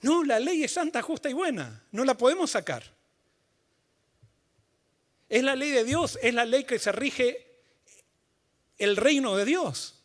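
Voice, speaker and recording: A male pastor preaches in church in a strikingly high-pitched voice. He explains scripture through everyday illustrations. He builds his points to forceful emphasis. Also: very animated, unhurried, pauses often. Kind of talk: sermon.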